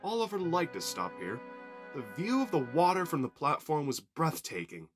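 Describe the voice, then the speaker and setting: A man narrating a children's train story in an expressive storybook reading. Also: fairly high pitch, normal speed, music in the background.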